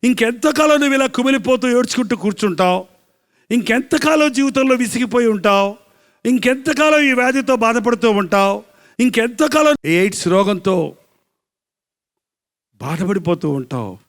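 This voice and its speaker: A man's voice: extremely high pitch, expressive, moderate pace, pauses often, voice pushed up. A tender, compassionate Lord presses with repeated questions about how long a sufferer will endure. The tone is earnest and pleading, as a man puts it on in a sermon.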